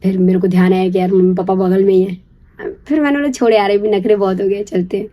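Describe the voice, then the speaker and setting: A young woman casually telling a personal story in a chatty, confiding way, checking in with the listener and slipping into a hushed whisper for the secret parts. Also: mid-range voice, steady tone, fast talker, highs cut off. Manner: chatty, confiding, keeps asking "you get it?"; drops to a hushed whisper when acting out secrecy. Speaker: storyteller recalling her first love.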